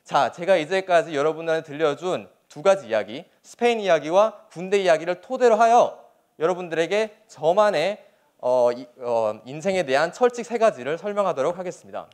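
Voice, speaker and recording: A man's voice: on the high side, animated, a little fast, darkish tone. A young man, a soldier, giving a motivational speech to an audience in an earnest, emphatic manner with rhetorical questions. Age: young adult.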